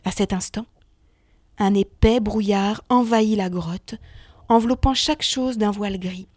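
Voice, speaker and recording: A woman narrating a children's myth story in an expressive reading voice that sinks to a hush in tense moments. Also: medium pitch, unhurried, faint music behind.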